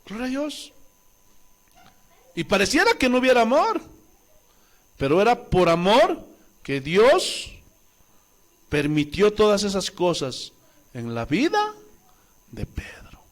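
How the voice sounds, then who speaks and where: A man from Bolivia preaching a sermon with great animation, now and then acting out the voices of the story. His voice sits high and leaps up and down, and his delivery is unhurried. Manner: animated preaching, acts out voices, asks the congregation questions. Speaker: pastor.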